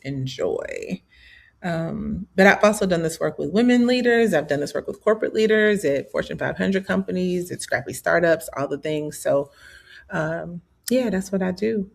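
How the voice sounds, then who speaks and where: A woman's voice: on the low side, animated, normal speed, vocal fry. A woman executive coach talking in an easygoing, slangy, chatty way. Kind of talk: casual conversational podcast.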